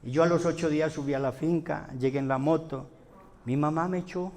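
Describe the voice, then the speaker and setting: A man with a Colombian accent, a pastor telling his story in a sermon, swinging between loud outbursts and hushed passages. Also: fairly high pitch, fairly even intonation, a little fast, in a large hall. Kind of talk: sermon testimony.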